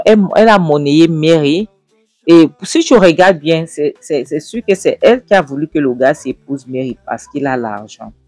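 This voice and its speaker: Animated man recapping a drama series. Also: on the high side, no room sound, studio quality. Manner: animated storytelling, speaking straight to viewers. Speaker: series reviewer. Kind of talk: retelling and commenting on a drama series.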